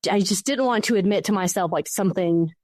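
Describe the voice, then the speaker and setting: A woman guest recounting her own haunting experience, animated and acting out what people said. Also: mid-range voice, fast talker, no room sound, clean studio sound. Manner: animated storyteller who acts out quoted speech. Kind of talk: recounting a personal ghost story.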